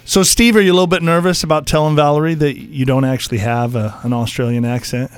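A man's voice: fairly high pitch, fairly even intonation, fast, clean tone. A man co-hosting a morning radio show, playful and teasing. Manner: playful, teasing, laughs often. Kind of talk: casual morning radio banter. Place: radio studio.

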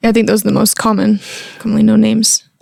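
A woman in her twenties from California, a dietitian guest talking in a friendly, relaxed way on a podcast. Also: mid-range voice, fast, creaky, dry recording, clean studio sound. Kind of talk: podcast interview.

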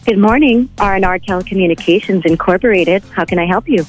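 A woman's voice: medium pitch, quick pace, over loud music, low-quality recording. A woman answering the phone as a receptionist, polite but puzzled and hesitant.

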